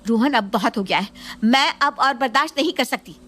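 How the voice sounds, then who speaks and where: A woman voicing a short-tempered young wife in a sharp, indignant way. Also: fairly high pitch, fairly quick, voice pushed up. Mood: angry.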